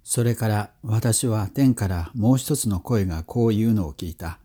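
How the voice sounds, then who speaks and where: A man giving a measured, solemn scripture reading as a scripted narration. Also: fairly low pitch, mellow, husky. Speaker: scripture reader.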